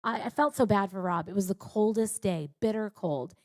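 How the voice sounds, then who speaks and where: A woman's voice: mid-range voice, moderate pace, dry recording, clean studio sound. Woman giving an earnest church testimony. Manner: earnest, conversational, swings between hushed and excited. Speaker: speaker at a women's church gathering. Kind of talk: personal testimony storytelling. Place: church service.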